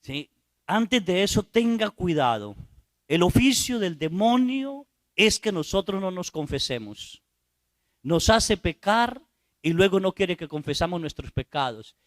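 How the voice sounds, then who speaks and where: Priest preaching, tells little stories and acts out voices, kinda high voice, dry sound no room. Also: male voice, very animated, unhurried, no echo. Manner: storytelling preacher who acts out voices and asks "¿sí?". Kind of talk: sermon.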